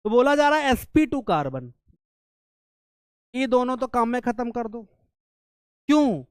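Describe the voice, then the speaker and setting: Male exam-prep tutor, brisk and coaxing, clear voice, dry close mic. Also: very high voice, no room sound. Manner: lively, scolding and coaxing, voices students' questions himself. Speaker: chemistry teacher.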